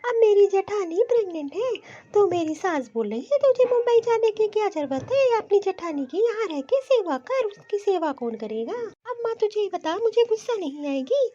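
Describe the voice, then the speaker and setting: A woman's voice: extremely high pitch, very animated, moderate pace, hardly any pauses, dark tone, lo-fi sound. A woman voicing a headstrong young married woman in a cartoon, indignant and sulky. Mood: resentful. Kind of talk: cartoon voice acting.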